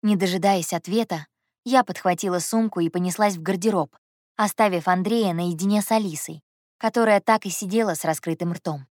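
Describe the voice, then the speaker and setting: A young woman narrating an audiobook in the first person, telling the story in a lively, expressive way. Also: lowish voice, brisk, dry recording, clean studio sound.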